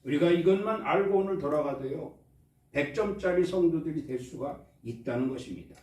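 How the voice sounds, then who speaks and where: A man's voice: fairly high pitch, fairly quick, a little mellow. A man preaching a Sunday sermon as pastor, drawing responses from his congregation. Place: church sanctuary. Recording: echoey church hall, mic at a distance.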